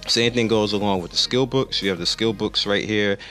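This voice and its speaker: A man's voice: fairly low pitch, brisk, pushed and bright, faint music behind. A man hosting a gaming channel, talking casually through game menus, rambling and correcting himself as he goes, and losing his voice. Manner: rambling, self-correcting, explains while clicking through menus. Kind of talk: casual gameplay commentary.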